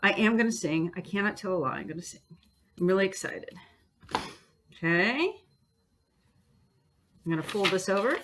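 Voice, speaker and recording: A medium-pitched, slightly bright female voice moves at normal speed but pauses often, over slight background noise. She's an art teacher demonstrating bookbinding, chatty and encouraging as she talks students through the steps, humming and singing along the way.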